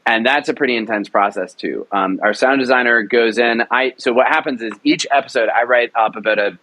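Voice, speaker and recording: In a low-quality recording, a young writer-director chats in an interview about the audio drama he's making. His medium-pitched voice is brisk, bright, and forceful, and he rambles eagerly, full of filler words.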